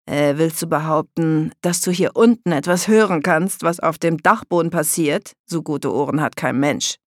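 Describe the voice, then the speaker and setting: Tom, a loud sneering boy, as the reader puts him on. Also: medium pitch, moderate pace, no room sound, studio quality, close to an everyday voice. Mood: taunting. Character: mocking teenage boy, a scornful tease. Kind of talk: audiobook character reading.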